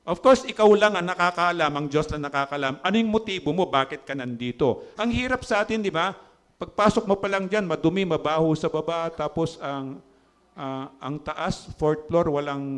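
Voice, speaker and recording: Man, Filipino accent, pastor delivering a lively sermon; higher voice, rhetorical tag questions. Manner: animated, rhetorical tag questions, mixes English in.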